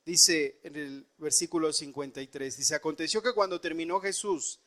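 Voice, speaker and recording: A man's voice: fairly high pitch, moderate pace, fairly bright tone. A man preaching a sermon, telling a personal story earnestly and rising and dropping his voice for emphasis. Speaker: pastor.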